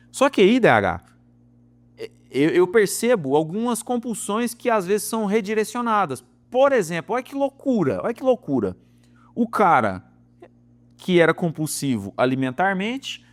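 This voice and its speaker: A man with a Brazilian Portuguese accent teaches psychology in a loose, conversational way. He sprinkles in slang and leans hard on emphasis, his voice leaping high and loud, then sinking low and soft. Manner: colloquial, lively, slangy asides, emphatic swings in pitch and loudness. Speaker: psychology course instructor. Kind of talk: informal lecture.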